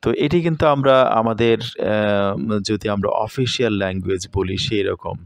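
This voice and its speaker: A man teaching a lesson, reading out English phrases slowly and then explaining them at length with many pauses and fillers. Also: on the low side, no room sound.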